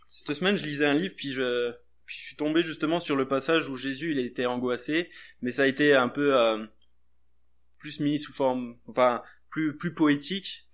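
Hesitant man preaching. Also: medium pitch. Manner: hesitant, conversational, with many restarts and fillers. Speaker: lay preacher. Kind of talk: sermon.

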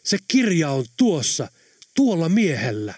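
Guy doing loud insistent excited man in an audiobook, jumpy pitch. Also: dry recording, studio quality. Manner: emphatic, loud.

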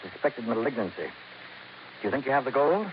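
An actor playing a calm, kindly male hospital doctor in an old radio drama. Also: medium pitch, brisk, lightly acted. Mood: businesslike. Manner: calm, reassuring. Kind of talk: 1950s radio drama acting. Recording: muffled old radio recording with hiss.

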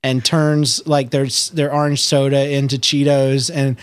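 A man's voice: little pitch movement, a little slow, clean tone, no room sound. A man co-hosting a casual podcast over a Skype call, joking around and breaking into silly voices. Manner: joking, breaks into high-pitched impressions and giggles. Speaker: podcast co-host. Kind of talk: casual chat.

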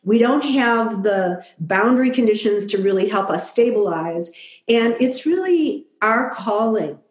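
A middle-aged woman speaks thoughtfully in an interview, pausing often and putting in "you know" as she works through her ideas. Her voice sits in an ordinary middle pitch. It carries a noticeable echo, as if she is in a roomy space. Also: expressive. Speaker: guest. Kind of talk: conversational interview.

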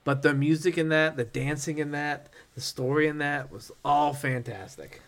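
A man co-hosting a casual podcast, rambling and animated, breaking into nervous laughs as he reads aloud. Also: on the high side, normal speed, vocal fry. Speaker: podcast co-host.

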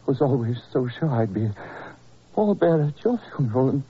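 An actor playing a gravely ill, feverish male detective who stammers and raves, in 1940s radio acting. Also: medium pitch, big pitch swings, brisk, lightly acted. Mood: weak, wry. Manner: stammering, raving, cries out then drops to a murmur. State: feverish and weak. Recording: muffled old radio broadcast, faint hiss.

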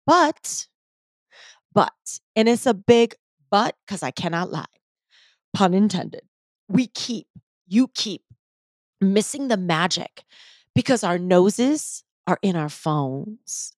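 A woman's voice: mid-range voice, animated, slow pace, pauses often, dry recording. A young woman hosting a solo motivational podcast, speaking emphatically in short repeated phrases with casual slang and swearing. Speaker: podcast host.

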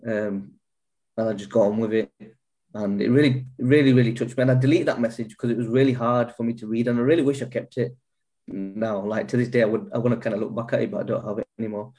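A man's voice: medium pitch, fairly even intonation, fast, dark tone. Earnest man telling his story. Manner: earnest, swears freely, many restarts. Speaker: guest. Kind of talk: candid personal storytelling.

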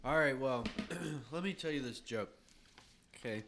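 A man co-hosting a casual podcast, tasting beer and telling jokes in an animated way. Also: mid-range voice, measured pace, background noise. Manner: animated, laughs at own jokes. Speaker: podcast co-host. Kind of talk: casual chat, joke telling.

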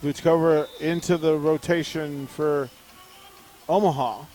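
A man calling live volleyball play-by-play for a radio network, naming each serve and point in a brisk, measured way. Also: a little high, fairly even intonation, dark tone. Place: arena broadcast position high above the court.

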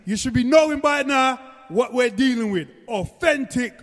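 High-pitched roadman-style man hosting a podcast. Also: expressive, moderate pace. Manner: emphatic, repetitive urging. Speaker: podcast host and DJ. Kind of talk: casual hyped music podcast banter. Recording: long hall-like echo, music behind. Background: reggae music.

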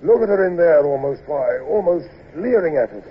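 A dutiful, worried naval officer, played by a man, speaks with a fairly high voice that rises and falls a lot. His tone is anxious and deferential. The old radio recording is dull and lightly hissy. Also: animated, fairly quick, close to an everyday voice. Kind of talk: 1950s radio drama acting.

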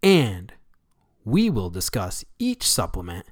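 A man's voice: on the low side, wildly swooping pitch, slow, no room sound, clean studio sound. An American man hosting a scripted solo health talk show, with an emphatic, instructive delivery. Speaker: radio show host.

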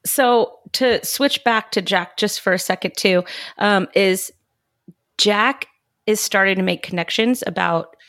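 A woman's voice: medium pitch, measured pace, no echo, clean studio sound. A woman co-hosting a podcast, chatting casually and animatedly about a TV episode. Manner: chatty, animated, quotes characters in voices. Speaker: podcast co-host. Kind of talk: casual chat.

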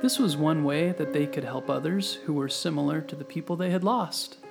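This time the children's history narrator moves fairly quickly, his voice on the high side. Over background music, he tells the scripted story as a host, speaking to the listener with gentle, clear explanations.

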